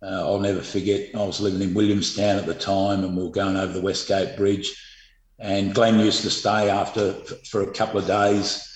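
Australian man, middle-aged, very deep voice, rambling anecdotes, echoey room. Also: level tone, moderate pace. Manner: rambling, laid-back, many fillers. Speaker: guest, former footballer. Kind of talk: storytelling interview.

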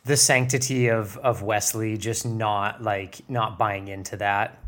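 A woman's voice: extremely low pitch, steady tone, a little slow, a bit bright. A woman co-hosting a podcast, chatting casually, hesitant, with many restarts. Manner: hesitant, restarts, laughs along. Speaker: podcast co-host. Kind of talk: casual chat.

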